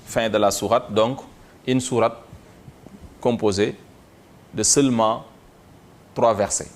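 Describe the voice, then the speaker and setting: Slow, low-voiced man teaching syllables. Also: steady tone. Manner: spells out syllables slowly and repeats them. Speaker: Quran reading teacher. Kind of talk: slow step-by-step reading lesson.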